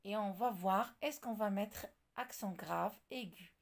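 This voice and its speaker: In a creaky, mid-range voice, a woman gives a French lesson, explaining slowly and deliberately as she spells out example words one at a time.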